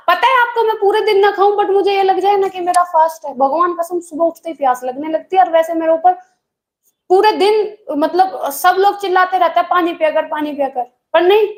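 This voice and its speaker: A woman's voice: very high-pitched, reverberant. A young woman teaching an online exam-prep class in a chatty way, calling her students children and telling stories from her own life.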